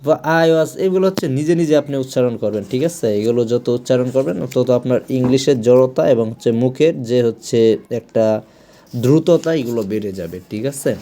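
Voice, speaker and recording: A man's voice: mid-range voice, normal speed, dark tone. A man teaching English pronunciation, saying each word again and again with many fillers and restarts. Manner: repeats words over and over, drilling pronunciation, with many "ah" fillers and restarts. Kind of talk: spoken language lesson.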